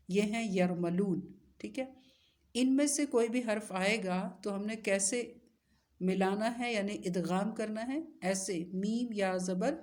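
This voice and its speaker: A woman teaching a recitation lesson, patiently asking questions and answering them, and spelling letters out slowly. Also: mid-range voice, a little mellow.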